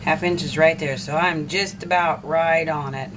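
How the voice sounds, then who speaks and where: A woman's voice: low voice, normal speed. A woman giving a casual step-by-step home canning demonstration in her kitchen, chatting and thinking aloud as she works. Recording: home video with steady background noise.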